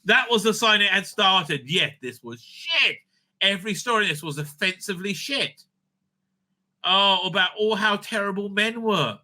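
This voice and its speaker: High-voiced and sharp, a man speaks at a moderate pace with lively intonation as he hosts a fan review show. His rant is casual and opinionated, bluntly delivered with much swearing and exasperation, points often followed by "right?"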